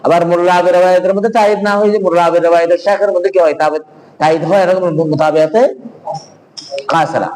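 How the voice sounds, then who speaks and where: High-voiced man teaching hadith. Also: steady tone, quick pace, a little mellow, slight background noise, poor audio. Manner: asks students questions and answers them himself; mixes in Arabic recitation and Hindi-Urdu phrases. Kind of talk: online classroom lecture.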